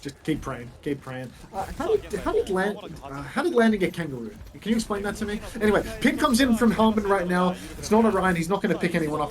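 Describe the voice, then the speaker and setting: High-voiced male esports caster over crowd noise. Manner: esports caster patter with slang and asides. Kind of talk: live esports play-by-play commentary.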